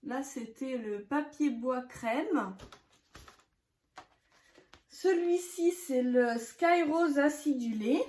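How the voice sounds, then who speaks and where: A woman in her thirties showing her craft purchases in casual chat to camera, talking with many hesitations and soft laughs. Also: fairly high pitch, roomy sound. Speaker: scrapbooking vlogger.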